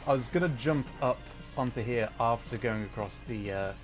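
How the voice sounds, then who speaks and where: Music runs in the background as this male VTuber streams a racing game, talking at normal speed in a mid-range voice. His casual livestream chatter comes in short reactive bursts, as though he's thinking out loud.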